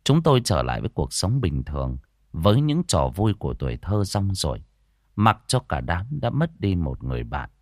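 A man narrating a first-person horror story in an expressive, dramatic way. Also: low voice, normal speed, no echo, clean studio sound.

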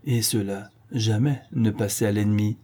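A man voicing a gracious, gently persuasive young woman, softly coaxing, in an audiobook reading. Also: on the low side, steady tone, normal speed, slightly rough.

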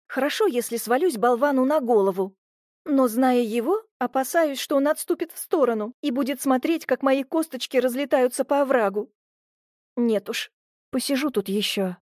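A woman giving an expressive first-person audiobook narration. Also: on the high side, no echo, clean studio sound.

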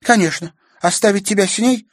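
A man's voice: high voice, normal speed, no echo, clean studio sound, voice pushed up. Man voicing a furious sarcastic teenage girl. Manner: heated, sarcastic, shouting. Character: angry, sharp-tongued teenage girl, a sister. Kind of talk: audiobook character voice.

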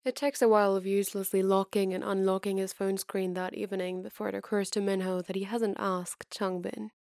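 A woman reading fan fiction aloud as narrator, with steady, even storytelling. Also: mid-range voice, a little fast, dry recording, clean studio sound.

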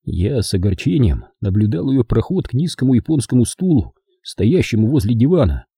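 A man reading a first-person audiobook story with wry, expressive storytelling. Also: mid-range voice, normal speed, husky, no echo, studio quality. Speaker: audiobook narrator.

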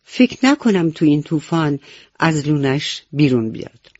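A woman's voice: sits low, big pitch swings, darkish tone, no room sound, muffled recording. A woman voicing a skeptical lady squirrel in a children's radio story. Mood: doubtful.

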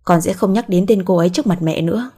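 A woman's voice: fairly low pitch, fast, mellow, breathy edge. A woman voicing a guilty young man apologizing humbly to his mother. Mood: apologetic.

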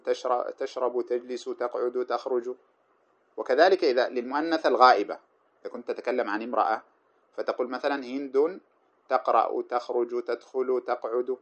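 A man teaching grammar, reciting lines of verse slowly and then explaining them with many short examples. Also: mid-range voice, a bit bright. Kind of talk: explaining a grammar poem line by line. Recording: dull lo-fi recording.

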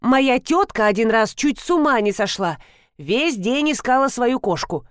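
A woman's voice: a little high, expressive, normal speed, smooth, dry recording, clean studio sound, pitched above the performer's own voice, natural voice. A woman voicing a chatty woman retelling a family story in a matter-of-fact way.

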